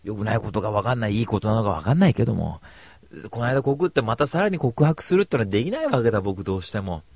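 A man hosting a talk show, telling a rambling casual anecdote in close studio sound, swinging from mumbled asides to loud bursts. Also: on the low side, big pitch swings, fast talker, breathy edge, dry recording.

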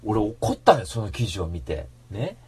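A man hosting a radio show in a casual rambling monologue, slangy and animated, breaking into mock-angry rants. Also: fairly low pitch, normal speed, husky.

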